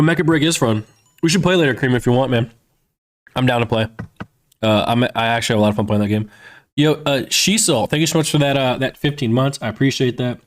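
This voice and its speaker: A man in his thirties chatting casually on a livestream, rambling and filling his talk with "man" and "you know". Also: mid-range voice. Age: 30s. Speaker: livestreamer reading chat. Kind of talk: casual stream chat.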